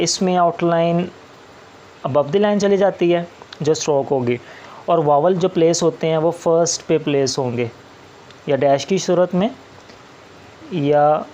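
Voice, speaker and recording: A man's voice: a little high, warm tone, dull audio. A man teaching shorthand step by step, patient and repetitive, often opening with "ji". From Pakistan. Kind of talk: slow step-by-step classroom explanation.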